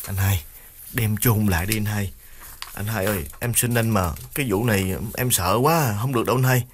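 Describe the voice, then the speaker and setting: A man puts on a panicked young thief in a storybook tale. He whimpers and begs in a shaky, hushed voice. Soft music plays behind him. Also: on the low side, moderate pace, a little hiss or hum, close to an everyday voice. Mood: pleading. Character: frightened young man, a small-time thief begging.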